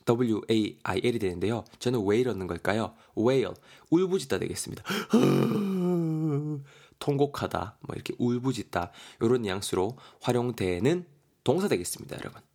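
A man's voice: mid-range voice, sing-song, moderate pace, a little mellow. A man, teaching English vocabulary in a playful, jokey online lesson.

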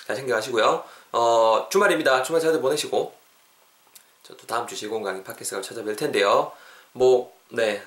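A man teaching a language lesson in an easy, encouraging way, repeating phrases slowly so listeners can follow. His voice sits at a middle pitch and carries a roomy echo around it. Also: fairly bright tone. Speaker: English teacher.

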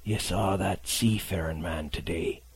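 A gruff old sea captain on his deathbed, as a man puts him on, low and husky, dragging out his words in a faint murmur that sometimes drops to a whisper. His rough sailor's speech comes through a dry, close recording. It sounds like a storybook reading. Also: no room sound, heavily acted. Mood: urgent. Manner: slow, murmuring, at times whispered. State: weak and faint.

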